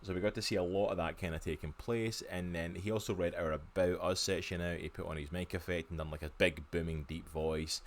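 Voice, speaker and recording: Deep-voiced Glaswegian man chatting eagerly. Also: fairly even intonation, brisk, few pauses. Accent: Glaswegian Scottish. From Scotland, near Glasgow. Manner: chatty and enthusiastic, lots of fillers. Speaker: podcast co-host. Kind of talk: casual podcast chat. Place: home room. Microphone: video call.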